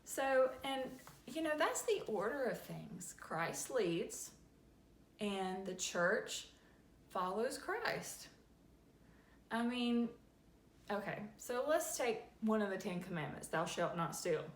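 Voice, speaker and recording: A woman hosting a faith-based advice talk, folksy and animated. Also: medium pitch, slow pace. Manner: folksy and animated, acts out little scenes. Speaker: host. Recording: echoey room with faint ambient noise.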